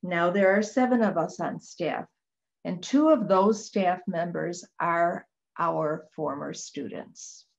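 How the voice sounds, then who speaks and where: Older nun reading her notes on a webcam, lowish voice, calm and steady. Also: slow, creaky, lo-fi sound. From Chicago, Illinois. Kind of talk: reading prepared remarks on a video call. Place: small home office with bookshelves. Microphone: webcam on a video call.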